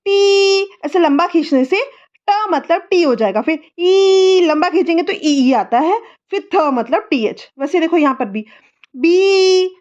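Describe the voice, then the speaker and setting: High-voiced mother teaching phonics. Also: darkish tone, lo-fi sound. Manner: slow, drawn-out sounding of letters and words; patient, repetitive coaxing questions. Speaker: mother teaching English spelling. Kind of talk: phonics lesson for a child.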